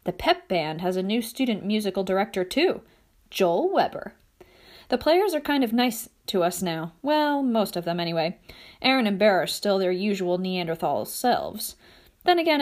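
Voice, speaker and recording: A woman reading a novel aloud as first-person narration, in a lively, expressive storytelling manner. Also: fairly high pitch. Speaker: audiobook narrator.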